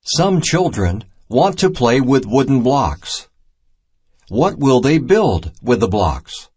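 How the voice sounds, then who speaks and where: A man with a mid-range voice narrates a children's math storybook, reading a scripted, simple lesson in a deliberate, unhurried way. His intonation is animated, and he keeps each phrase clearly separated.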